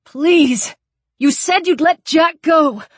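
A frantic young man, as a woman narrator acts him out, pleads at the top of his voice. He pitches well above her own register and pushes hard. The reading is close and dry. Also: takes it slowly, dry recording. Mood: frantic pleading. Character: desperate young man begging for others' lives.

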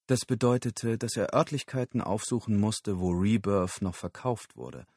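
A man narrating an audiobook in a steady, measured storytelling voice. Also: on the low side, vocal fry, breathy edge, no echo, clean studio sound.

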